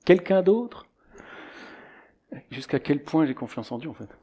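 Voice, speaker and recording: A man's voice: mid-range voice, fast talker, dark tone, slightly rough. A middle-aged man preaching a sermon in a conversational way, illustrating his points with anecdotes.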